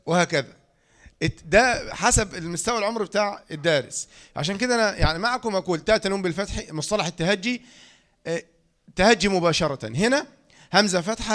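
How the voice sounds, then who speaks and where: A man with a high-pitched, fairly bright voice and an Egyptian Arabic accent lectures on reading rules. He repeats key phrases and quizzes his listeners.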